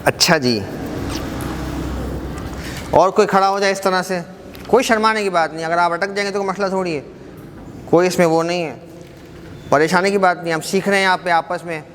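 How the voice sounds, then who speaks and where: A man's voice: high voice, steady tone, a bit bright. Encouraging male teacher in an echoey mosque hall. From Pakistan. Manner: encouraging, brisk questioning of students. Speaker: Arabic teacher. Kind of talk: classroom quiz lesson. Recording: echoey hall with background noise.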